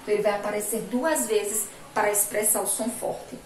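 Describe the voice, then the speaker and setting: A woman from Brazil teaching a phonics lesson to young children, speaking slowly and emphatically, repeating sounds and words. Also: medium pitch, steady tone, darkish tone. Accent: Brazilian Portuguese, Sergipe. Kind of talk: remote school phonics lesson. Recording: echoey room, distant mic, faint noise.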